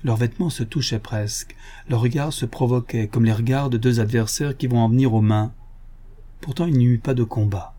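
A man narrating an audiobook in a steady, measured storytelling manner. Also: mid-range voice. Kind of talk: scripted narration.

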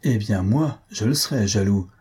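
A jaded, cynical man of the world, read by a male narrator cuts people off and makes sweeping, mocking judgments. The voice is low, husky and mellow. He speaks with blunt self-assurance. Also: normal speed. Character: worldly cynical gentleman, big sonorous voice.

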